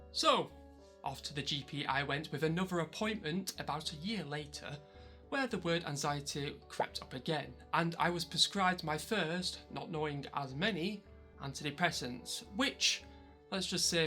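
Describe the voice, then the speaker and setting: A man's voice: a little high, pushed and bright. A man in his thirties with a broad Yorkshire accent narrates a personal vlog to viewers, with wry, self-deprecating asides. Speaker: YouTube vlogger.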